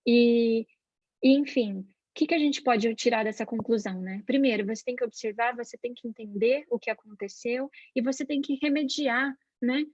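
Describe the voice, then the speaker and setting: A Montessori educator and parent with a Brazilian Portuguese accent gives an informal talk on raising children, her fairly high, darkish voice fairly even and at normal speed. She chats freely, acts out the voices she quotes, and often adds "né?". The recording is dry with the highs cut off.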